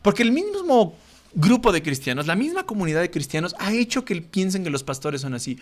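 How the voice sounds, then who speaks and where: Emphatic pastor, lively voice. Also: male voice, sits high, brisk. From Mexico. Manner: emphatic, scolding, asks rhetorical questions. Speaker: pastor teaching a Bible class. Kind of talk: sermon-style Bible lesson.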